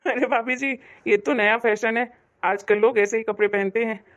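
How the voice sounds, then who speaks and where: A woman's voice: on the high side, fairly even intonation, normal speed, muffled recording, lightly acted. A woman voicing an easygoing, stylish brother-in-law in a cartoon story, breezy and good-humoured.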